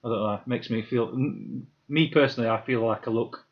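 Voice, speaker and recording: A man's voice: medium pitch, fairly even intonation, a little fast, muffled recording. A man chats casually on a live stream while building Lego, muttering to himself and answering viewers' comments. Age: 50s.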